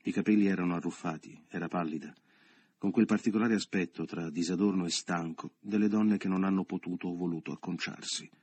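A man narrating a literary novel as an audiobook in a measured, subdued reading style. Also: low voice, steady tone, darkish tone, breathy edge, no echo.

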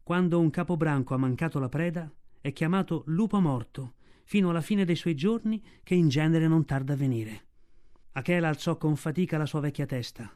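A man tells a classic story in audiobook style. His voice sits a little high, and the reading is steady and expressive. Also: a little fast. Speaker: narrator.

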